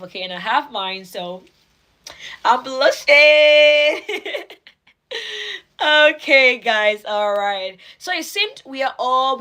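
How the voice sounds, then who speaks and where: A young woman hosts a casual livestream, reading viewer comments in a bubbly way, laughing often and repeating words for emphasis. Her voice is medium-pitched with a fairly bright tone, though the audio is poor.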